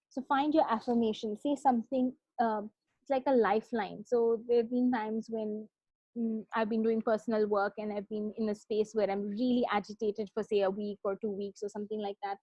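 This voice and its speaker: A woman coaching parents through staying calm, speaking at an average pitch. She talks conversationally and keeps checking in with "right?". The recording is dry, with no room sound. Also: normal speed, dry recording, highs cut off. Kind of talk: talk on self-regulation.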